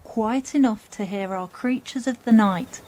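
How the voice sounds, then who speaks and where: A woman presenting scripted nature narration for children in a playful, expressive storytelling way. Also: fairly high pitch, a little slow, a little hiss or hum.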